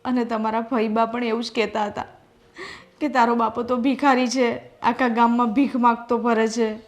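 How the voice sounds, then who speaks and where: An actress playing a young bride from a poor family who pleads and defends herself through tears in a family drama. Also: female voice, on the high side, flat delivery, moderate pace, natural voice. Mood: tearful.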